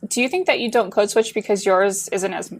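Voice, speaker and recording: A woman's voice: mid-range voice, brisk. A woman interviewer speaking casually and putting her questions tentatively.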